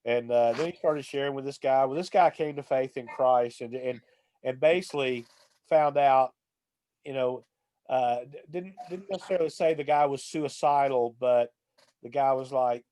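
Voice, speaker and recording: A man hosting a Bible talk, telling a story in a loose, rambling way with many "uh"s. His voice sits at an average pitch, recorded close and dry with no room sound. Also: moderate pace, no echo. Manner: rambling, filler-heavy, relaxed storytelling. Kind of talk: casual chat.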